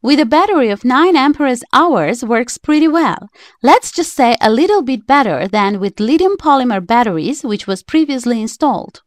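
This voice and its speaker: A woman's voice: high voice, animated, normal speed, no room sound. A woman reading a prepared script as the voice-over narrator of a DIY electronics tutorial, in plain, slightly stiff phrasing.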